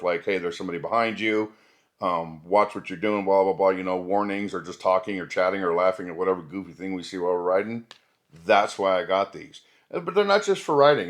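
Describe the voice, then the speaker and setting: Talking directly to camera in a deep voice, a gear review vlogger gives a casual, conversational product review to his viewers. There's no room sound in the recording.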